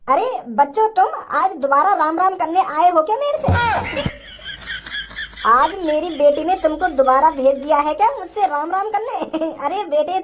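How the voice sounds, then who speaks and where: A woman voicing a stern middle-aged cartoon father who scolds and bosses the young men around. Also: very high-pitched. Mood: teasing. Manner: scolding, bossy. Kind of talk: cartoon comedy dubbing.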